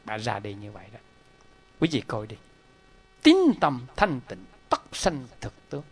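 A man's voice: mid-range voice, unhurried, slightly rough. A middle-aged man giving a Buddhist dharma talk, telling stories animatedly and speaking straight to his listeners. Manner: animated, emphatic, addresses the audience directly. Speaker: Buddhist lay teacher.

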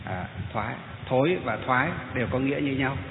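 A man with a Northern Vietnamese accent gives a Buddhist dharma lecture, speaking slowly and haltingly with many drawn-out fillers. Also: mid-range voice, slight background noise. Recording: echoey hall on a tinny phone-like line.

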